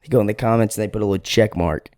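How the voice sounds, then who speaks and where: A young man with a fairly low voice co-hosts a casual sports podcast. He tells his stories with animated, teasing energy. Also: racing. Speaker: podcast co-host.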